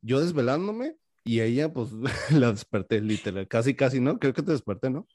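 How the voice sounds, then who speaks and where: A man, hosting a casual podcast interview and warmly introducing his guest. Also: mid-range voice, animated, moderate pace, no room sound, clean studio sound. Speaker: podcast host.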